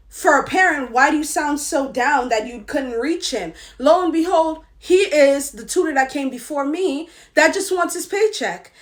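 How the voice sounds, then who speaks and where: A woman's voice: high-pitched, fairly bright tone. A young woman and former tutor in a vlog rant, indignant and emphatic as she lays out her complaint. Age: young adult.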